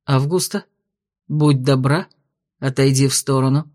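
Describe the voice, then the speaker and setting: Woman doing a cold scary headmaster guy, low, clipped, icy calm. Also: moderate pace. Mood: cold stern. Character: stern cold male academy director, menacing.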